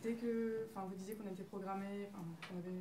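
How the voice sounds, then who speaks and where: A woman volunteering from the audience at a hypnosis demonstration, answering hesitantly with many pauses. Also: medium pitch, fairly even intonation, warm tone, slight background noise. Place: training room with an audience.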